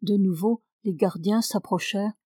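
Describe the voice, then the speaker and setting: A woman giving a steady, measured scripted narration of a novel. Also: mid-range voice, breathy edge, dry recording, studio quality. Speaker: audiobook reader.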